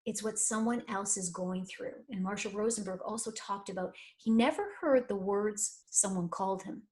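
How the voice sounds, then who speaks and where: A woman, a life and career coach telling stories in an interview, animated and acting out the voices of people she quotes. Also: mid-range voice, normal speed. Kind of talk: conversational interview storytelling.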